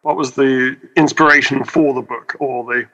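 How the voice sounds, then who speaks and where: A man with a croaky, froggy voice from a cold, chatting as a podcast co-host on a video call. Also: medium pitch, fairly even intonation, moderate pace, sharp tone, lo-fi sound. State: has a cold. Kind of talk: casual panel chat over video call.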